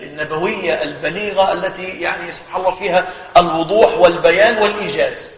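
A man with an Egyptian accent, a sheikh giving a religious lesson in conversational, animated speech that speaks straight to his listeners. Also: high-pitched. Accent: Egyptian Arabic. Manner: conversational, animated storytelling, addresses listeners directly. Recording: echoey hall, slightly muffled.

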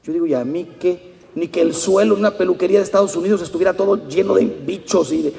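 Mexican priest with a gravelly voice in a hall. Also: male voice, high-pitched, very fast. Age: 50s. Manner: storytelling, animated, mimics people in quotes. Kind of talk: conference talk with anecdotes. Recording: long hall reverb.

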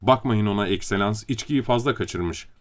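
A man's voice: on the low side, moderate pace, natural voice. A man voicing a timid, anxious male clerk who hurriedly soothes his superior. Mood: placating.

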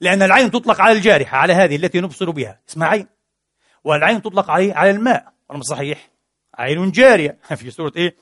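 A man's voice: high voice, expressive, racing, a bit bright, dry recording, clean studio sound. A man giving a philosophy lecture, asking questions and answering them himself, mixing formal with colloquial words. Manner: asks and answers his own questions.

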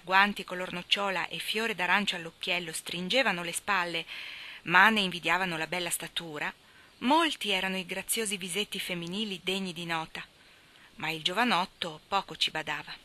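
A woman reading a classic novel aloud as an audiobook, with a measured, expressive delivery. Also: fairly low pitch. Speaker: reader.

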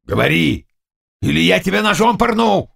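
A man reading an audiobook voices a hoarse, gruff, bellowing old nobleman. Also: high voice, animated, unhurried, fairly bright tone, pitched above the performer's own voice, full character voice. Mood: fierce. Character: old blustering male nobleman, bald.

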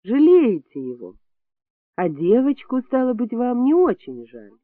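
A man reading an audiobook voices a sharp-tongued, sarcastic middle-aged woman on hospital staff, with indignant, shrill rises. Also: wildly swooping pitch, a little slow, no echo, full character voice. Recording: dry, tinny phone-like sound.

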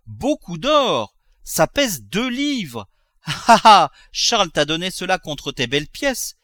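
Picture a greedy old miser in his seventies , voiced by a male narrator, cackling and crooning over his gold in a lively, swooping voice. He wheedles and cajoles, then turns excitable and shrill. The sound is close and dry, with no room around it. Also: moderate pace, no room sound. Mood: gloating. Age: 70s.

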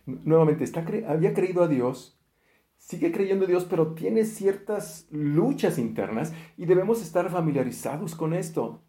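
A man's voice: fairly high pitch, lively intonation, moderate pace, mellow. A man preaching a sermon, earnest, acting out quoted prayers and often restarting his words. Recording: echoey room.

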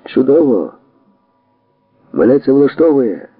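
Audiobook adventurer, male, cocky and loud, as a man acts him; husky, tinny. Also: mid-range voice, sing-song, takes it slowly, dry recording, soft background music, pitched above the performer's own voice, exaggerated voice. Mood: brash. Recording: dry tinny narrow-band audio.

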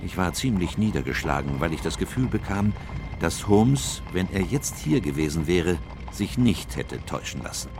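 Earnest doctor-narrator for radio play: low, expressive range, measured and reflective. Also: male voice, music in the background. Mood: sombre reflection. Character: Doctor Watson, earnest male doctor and troubled narrator. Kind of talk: radio drama narration and dialogue.

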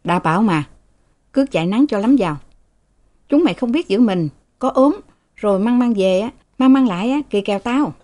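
A woman's voice: a little high, brisk, a little mellow, voice pushed up, close to an everyday voice. A woman doing a cranky drowsy father. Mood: scolding. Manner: scolding, curt. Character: irritable sleepy wealthy father.

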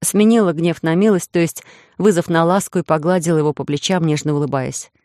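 A woman narrating a first-person romantic audiobook in a lively, ironic way. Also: low-pitched, fairly quick, dry recording, studio quality. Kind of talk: scripted narration.

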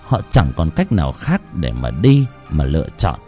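A man's voice: rumbling low, normal speed. Dramatic male storyteller, wide-ranging voice, faint music bed. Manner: dramatic, lively narration. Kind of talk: ghost story narration.

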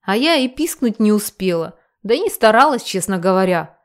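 A woman narrating a first-person audiobook with an expressive reading. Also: mid-range voice, normal speed.

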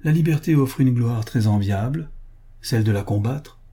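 A man reading the part of a grave young countess in an audiobook, speaking calmly and evenly. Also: medium pitch, slightly rough. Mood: composed. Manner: calm, measured speech.

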